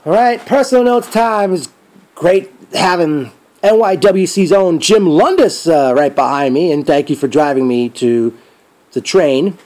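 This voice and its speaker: A man giving a casual spoken event recap as a fan, rambling and thinking aloud with trailing pauses. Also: fairly high pitch, expressive, a little mellow.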